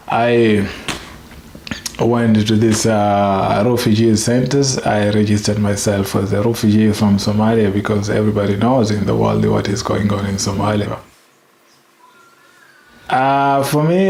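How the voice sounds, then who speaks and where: This interviewee in a documentary is a man from Zanzibar, Tanzania, with a gravelly, low, darkish voice. He halts and repeats words as he searches for his English. The room is echoey, with faint background noise.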